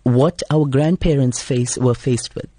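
A man's voice: medium pitch, fairly even intonation, measured pace, mellow, husky, no room sound. A man with a South African Indian accent answering interview questions in an earnest, emphatic, conversational way. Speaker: comedian and actor being interviewed.

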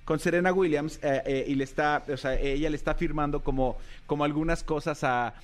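A man's voice: on the high side, brisk. A man with a Mexican Spanish accent co-hosting a radio show, telling stories in casual chat and acting out quotes. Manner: animated storyteller, acts out quotes.

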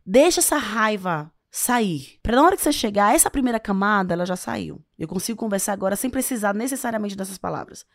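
A woman's voice: medium pitch, quick pace, few pauses, no room sound, clean studio sound. A woman, an author answering interview questions with advice and leaning hard on key words. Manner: expressive, stressing words as she explains. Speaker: author and guest.

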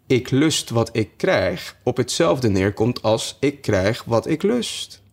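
A man reading aloud, voicing a meek, slow-talking male hare. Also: medium pitch, big pitch swings, heavily acted. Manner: slow, humble.

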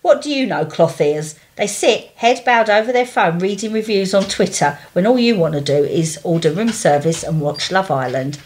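A woman with an East London accent, reading a story aloud with blunt, chatty asides in an animated way. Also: medium pitch, normal speed, few pauses, slight background noise. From East London, England.

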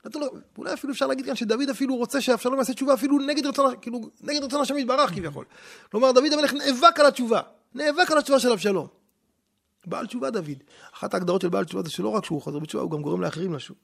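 A man, a rabbi, teaching in conversation and telling stories with lively quoted voices. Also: extremely high pitch, creaky. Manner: animated storytelling, acting out quoted voices. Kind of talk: teaching on scripture in a podcast conversation.

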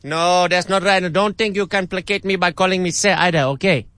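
A man's voice: high voice, fairly even intonation, a little fast, a bit bright, clear, resonant tone, no echo, clean studio sound, pitched below the performer's own voice. A man putting on a pushy, indignant customer. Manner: pushy, indignant, broken grammar. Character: irate middle-aged man demanding his grass. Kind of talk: prank phone call.

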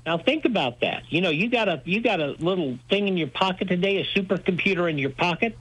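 Being interviewed as a radio host, a man talks enthusiastically about old-time radio in an emphatic, folksy storytelling manner. His voice is high and fairly bright, with lively intonation and a quick pace, though the audio quality is poor.

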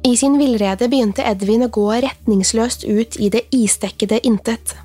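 A woman reading a scripted horror story in a hushed, suspenseful storytelling manner, with faint music behind her. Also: fairly high pitch. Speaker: narrator.

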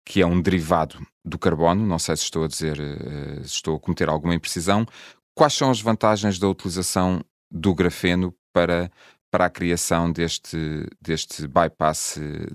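A man's voice: low-pitched, no echo, clean studio sound. A man with a European Portuguese accent interviewing a guest, rephrasing points for listeners. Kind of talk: interview questions.

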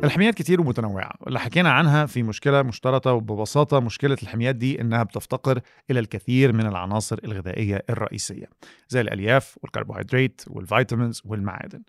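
A man's voice: medium pitch, rapid-fire, vocal fry, no echo, studio quality, faint music behind. A man with an Egyptian Arabic accent, co-hosting a podcast in a partly scripted presenting style. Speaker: co-host.

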